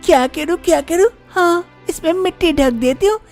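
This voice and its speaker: A woman doing a high, fretful young village bride. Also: normal speed, darkish tone, faint music behind. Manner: anxious muttering to herself. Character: young village daughter-in-law, fretful and chattering. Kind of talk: animated storybook voice acting.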